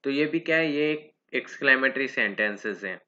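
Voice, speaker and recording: Bright-voiced male teacher, lo-fi recording. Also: medium pitch, animated. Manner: reads English definitions slowly, then explains them with rhetorical questions. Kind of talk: grammar lesson.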